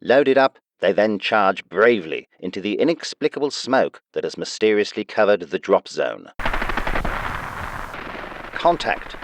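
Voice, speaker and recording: A man's voice: lowish voice, big pitch swings, measured pace, noisy background. A man reading scripted wartime newsreel narration in a dramatic, declarative way. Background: music under the narration.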